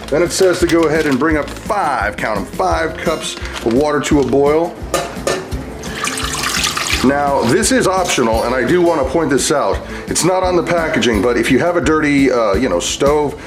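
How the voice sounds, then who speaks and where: A man giving a casual food review, talking in a folksy, jokey way with playful asides. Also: fairly high pitch. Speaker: product reviewer.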